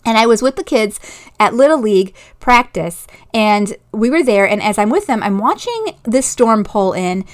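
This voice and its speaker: A woman's voice: a little high, sing-song, moderate pace. Earnest woman hosting a faith podcast. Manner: earnest, storytelling, laughs at herself. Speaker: podcast host.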